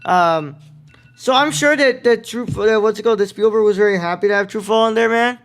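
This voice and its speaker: A man's voice: high voice, fairly quick. A young man hosting a casual film review podcast, talking in a loose, rambling way. He uses lots of fillers and casual slang while he works through his thoughts. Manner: rambling, many fillers, says bro and what's it called. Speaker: podcast host.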